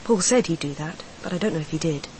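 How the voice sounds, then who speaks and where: In a radio crime drama, an actress with a low, expressive voice plays a grieving mistress who confides in a detective. She speaks in a measured, confessional way, sounding resigned and bitter, with background noise present.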